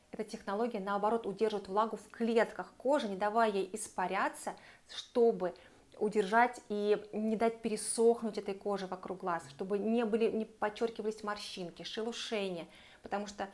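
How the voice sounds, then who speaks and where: A woman with a mid-range voice talks casually through a set of beauty products. She sounds eager and recommends them, turning often to her viewers. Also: mid-range voice. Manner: chatty, enthusiastic, recommends warmly and addresses viewers directly. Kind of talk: casual product review to camera.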